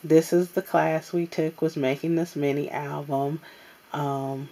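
A woman casually showing off her craft supply haul at a table, talking in an unhurried way with many ums and pauses. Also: sits low, level tone, mellow. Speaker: crafting vlogger. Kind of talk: casual haul show-and-tell. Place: indoors at a tabletop.

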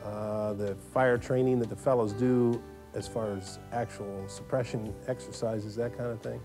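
A man's voice: fairly low pitch, fairly even intonation, normal speed, over music. An American man explaining things as a fire company spokesman in a documentary interview.

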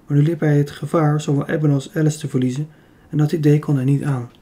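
A man narrating a children's adventure audiobook in a steady, even reading. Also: on the high side, fast talker. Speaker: audiobook reader. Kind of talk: storybook narration.

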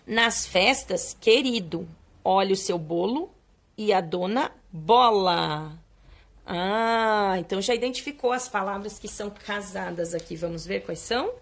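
A young adult woman with a Brazilian Portuguese accent reads a poem line by line to young children. She slowly draws out key words in a sing-song way to get them reading along, her voice at an ordinary middle pitch.

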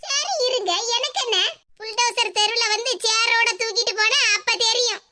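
A woman's voice: extremely high pitch, normal speed. Woman voicing a defiant young daughter-in-law. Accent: Tirunelveli Tamil. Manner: sharp, defiant retorts. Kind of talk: cartoon comedy voice acting. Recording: loud background hiss.

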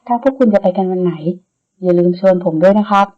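A woman voicing a reserved, polite young man who speaks softly and slowly in an audiobook. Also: medium pitch, highs cut off, natural voice. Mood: calm. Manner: soft, slow and restrained. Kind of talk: audiobook character reading.

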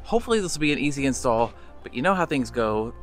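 A man's voice: mid-range voice, big pitch swings, fast, soft background music. Chatty man vlogging from his boat. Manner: chatty, talks to viewers while working with his hands. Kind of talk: casual vlog talk. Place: aboard a catamaran, partly in a small cabin.

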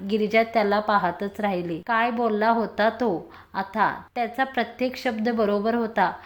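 A woman narrating a story in a steady, even reading voice. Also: on the high side, moderate pace.

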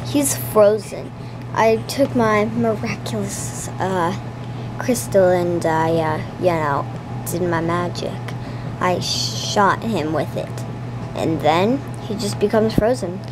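A woman's voice: medium pitch, slow pace, music in the background, lightly acted. A young girl voicing a creepy, rambling grown man who brags about the phantoms he keeps. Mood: boastful. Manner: rambling, bragging. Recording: noisy room recording.

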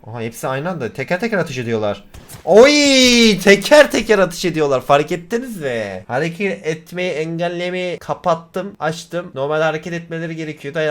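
Playful man doing game commentary. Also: on the high side. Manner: playful, chatty, addresses viewers as friends; jokey theatrical asides to game characters. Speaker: gaming channel host. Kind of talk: let's play commentary.

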